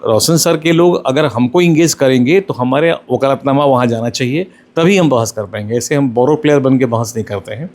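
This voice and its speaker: A middle-aged male lawyer answering interview questions, explaining step by step in a measured way and mixing in English legal terms. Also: medium pitch, darkish tone.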